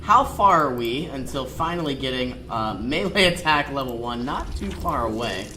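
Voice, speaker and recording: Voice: medium pitch, lively intonation, normal speed. Casual game commentator over noisy game sound. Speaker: gameplay commentator. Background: strategy game sounds.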